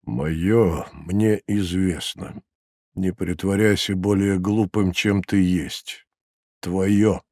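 A man's voice: low voice, slow pace, vocal fry, dry recording, studio quality, heavily acted. A man reading an audiobook and voicing a weary, ailing male Roman procurator who questions coldly in a dull voice. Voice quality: dull, flat voice. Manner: quiet, cold interrogation.

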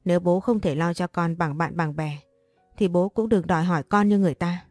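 A woman voicing a tearful, stubborn schoolgirl of about ten to twelve, in a low, mellow reading voice. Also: a little fast, dry recording, faint music behind, close to an everyday voice. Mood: defiant. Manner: plaintive, defiant.

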